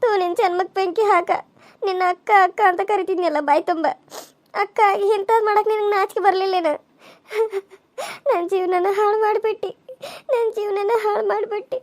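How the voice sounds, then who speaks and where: A woman's voice: extremely high pitch, darkish tone. A woman voicing a wronged, pregnant young village wife in a cartoon serial, crying and reproaching. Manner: wailing, sobbing reproaches.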